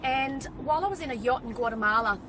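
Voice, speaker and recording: A woman in her forties, born in Wales and raised in Western Australia, chats freely in a slightly high voice, trailing off into ums and restarting her sentences. She sits inside a car, and vehicle noise hums clearly behind her. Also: fast talker. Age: 40s. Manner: chatty, with many ums and restarts. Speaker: guest, fitness business owner. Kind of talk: casual interview chat. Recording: car interior with road noise.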